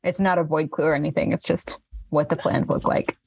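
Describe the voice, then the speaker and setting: A woman's voice: low-pitched, flat delivery, a little fast, gravelly, darkish tone, slightly rough, dry recording. A woman narrating as game master in a tabletop game, hesitant and full of ums.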